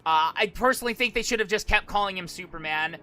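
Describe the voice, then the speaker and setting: A man's voice: high voice, fast, pushed and bright. A man streaming casual live commentary, rambling and hesitant, often repeating and restarting his phrases. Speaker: streamer, virtual YouTuber.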